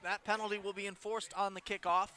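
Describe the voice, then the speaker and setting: A young man giving play-by-play commentary on a high school football game, rising to excited calls on big plays. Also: fast talker, smooth. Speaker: play-by-play announcer.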